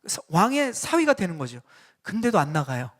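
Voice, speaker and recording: A man's voice: high-pitched, big pitch swings, a little fast, a bit bright. A male pastor preaching a sermon in a church and putting questions directly to the congregation. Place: church sanctuary.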